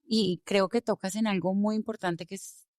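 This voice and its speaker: A woman from Colombia, an immigration lawyer, speaking as a guest in a podcast interview, telling her story with animated emphasis. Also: mid-range voice, moderate pace, no echo, clean studio sound.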